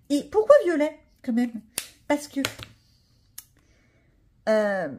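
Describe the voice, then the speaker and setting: Chatty woman with a mellow voice. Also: a little high, breathy edge. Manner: chatty, self-mocking asides to viewers. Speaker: coloring vlogger. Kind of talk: casual voice-over while coloring.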